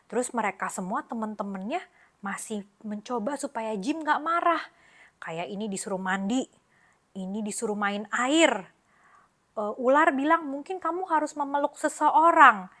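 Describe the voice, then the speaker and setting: A woman reading a picture book aloud to children, telling the story in an animated, expressive way and talking to her young listeners directly. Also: a little high, moderate pace, pauses often.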